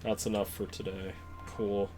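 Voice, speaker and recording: A man's voice: lowish voice, flat delivery, moderate pace. A man streaming a video game, chatting casually and joking with a friend. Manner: joking, laughs often. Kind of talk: casual gameplay chat.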